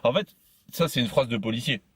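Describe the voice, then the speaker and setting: A man's voice: mid-range voice, lively intonation, a little fast, a bit bright, husky, no echo. Stumbling man telling a story. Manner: stumbling, repeats himself often. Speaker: podcast host. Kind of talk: casual storytelling chat.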